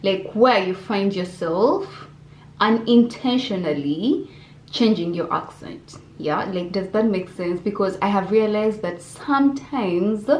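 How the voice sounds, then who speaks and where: A young adult woman from Uganda, chatting expressively to viewers in a casual Q&A vlog from her bedroom. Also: medium pitch. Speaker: vlogger. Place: bedroom indoors. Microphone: camera on desk facing her. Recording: roomy bedroom echo, faint hum.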